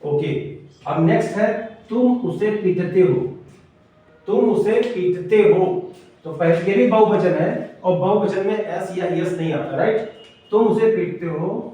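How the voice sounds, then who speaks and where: A man's voice: high voice, a little slow, mellow. A man teaching English grammar in a classroom lesson, explaining step by step, spelling words letter by letter and checking in with his listeners. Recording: very echoey room, mic far off.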